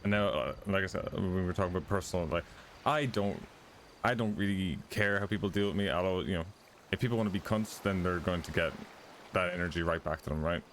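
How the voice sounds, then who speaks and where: A very low-voiced man speaking in character as a motorcycle club member in a roleplay. His talk is blunt, firm and full of swearing. Faint night insects chirp behind him. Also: fast talker, fairly bright tone, slight background noise.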